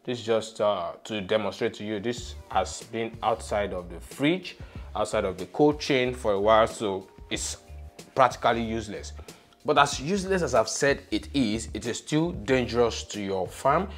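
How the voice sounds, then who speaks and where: A man's voice: fairly low pitch, expressive, normal speed, soft background music. A young man hosting a poultry channel, explaining a hands-on demonstration step by step with emphasis, on a lapel mic in a small studio room.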